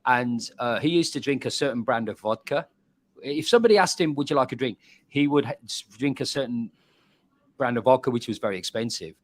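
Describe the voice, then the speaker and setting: A man's voice: mid-range voice, brisk, dry recording. Chatty man telling stories. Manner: animated storyteller, repeats words. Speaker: guest, pub and bar owner. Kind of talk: casual chat.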